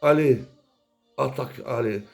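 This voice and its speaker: A man rambling in a casual, vulgar monologue, jumping between mumbles and shouts. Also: mid-range voice, a little slow, creaky, soft background music.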